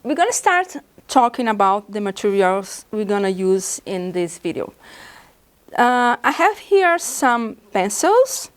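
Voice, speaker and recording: With big pitch swings in her mid-range voice, a Brazilian art instructor demonstrates drawing supplies for beginners, pausing often as she explains in a patient, halting way. Portuguese is her first language, and she speaks with a Brazilian Portuguese accent.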